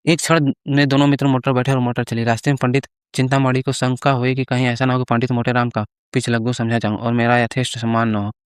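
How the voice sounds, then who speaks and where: A man narrating a classic short story in measured storytelling. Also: mid-range voice, little pitch movement, smooth, dry recording, clean studio sound. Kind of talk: scripted story reading.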